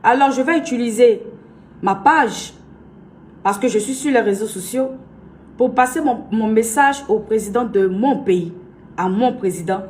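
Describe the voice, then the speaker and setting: This young influencer and blogger from Côte d'Ivoire talks to her followers on camera with an Ivorian French accent. Her mid-range voice has a darkish tone, and a faint hiss or hum is present. She is earnest and emphatic, repeating things to drive them home.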